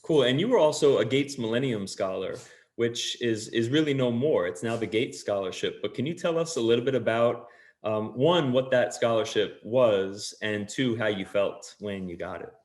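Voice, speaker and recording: A man's voice: medium pitch, lively intonation, moderate pace, a little mellow. A man hosting an interview, introducing his guest and asking questions in an upbeat, friendly way. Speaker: host.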